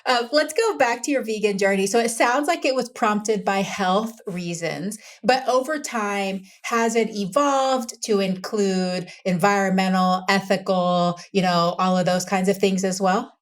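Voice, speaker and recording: A woman's voice: medium pitch, measured pace, hardly any pauses. Female interview host, enthusiastic and supportive, casual conversation. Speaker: podcast host.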